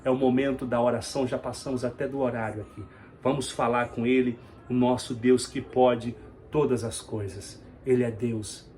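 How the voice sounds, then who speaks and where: A male pastor preaching a live-streamed sermon, moving from raised, emphatic passages to soft, low ones and asking his listeners rhetorical questions. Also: little pitch movement, moderate pace, a little hiss or hum. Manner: preaching with big swings from loud and high to soft and low. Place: live stream to remote viewers.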